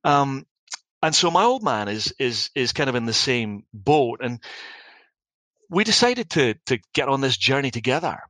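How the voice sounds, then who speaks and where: A man's voice: mid-range voice, very animated, moderate pace, fairly bright tone, no room sound, low-quality recording. Reflective middle-aged Scottish man. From Scotland. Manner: wry, reflective and anecdotal, with frequent restarts. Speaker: business founder guest. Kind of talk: reflective interview storytelling.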